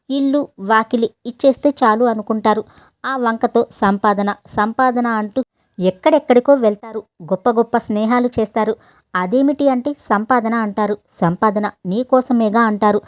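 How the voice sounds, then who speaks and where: A woman's voice: on the high side, natural voice. A woman voicing a hurt young wife who reproaches and pleads with her husband, in an audio story.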